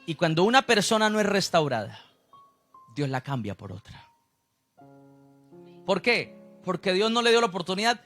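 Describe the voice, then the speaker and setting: A man's voice: fairly high pitch, a bit bright. A man, preaching a sermon as a pastor, who acts out the people he quotes.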